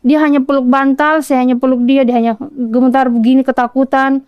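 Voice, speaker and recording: A woman from Kolaka speaks with a Southeast Sulawesi Indonesian accent, her voice high and smooth. She recounts events earnestly and in detail, acting out the conversations she had. The sound is close and dry. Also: flat delivery, a little fast, dry recording, highs cut off. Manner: earnest, detailed retelling with quoted dialogue. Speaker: podcast guest, mother. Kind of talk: personal account in a podcast interview.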